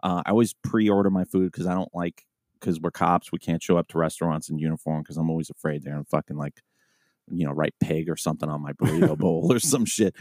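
Brief: low-pitched male cop co-host, rambling profane anecdotes, sleepy morning tone. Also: fast, darkish tone, no echo, clean studio sound. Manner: loose, profane storytelling. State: groggy early morning. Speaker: podcast co-host, police officer. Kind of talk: casual chat.

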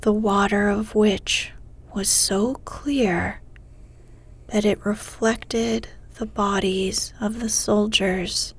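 A woman reading a story aloud in a soft, unhurried ASMR whisper. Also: medium pitch, husky.

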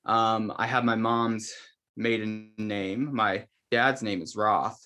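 A young seminary student from the Seattle area of Washington joins a podcast as a guest over a casual video call, joking and poking fun at himself. His fairly low voice is steady, slow, bright, and forceful.

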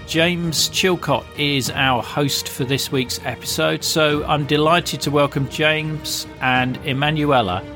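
A man's voice: on the high side, fairly even intonation, slow pace, hardly any pauses, over music. A man hosting a podcast, reading a scripted promo and introduction. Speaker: podcast host.

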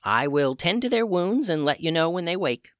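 A man voicing an old witch who heals creatures, brisk and matter-of-fact, raising his voice to play her. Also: on the high side, animated, fairly bright tone, dry recording, clean studio sound, voice pushed up. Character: wise old witch woman, brisk and unflappable.

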